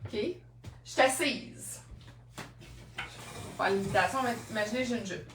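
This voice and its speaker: A woman's voice: mid-range voice, a little slow, fairly bright tone, a little hiss or hum. Chatty Québécois woman, roomy and distant. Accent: Québécois French. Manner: chatty, storytelling, laughs often. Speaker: second-hand clothing seller. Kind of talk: live-stream selling chat. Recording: roomy sound from off-mic.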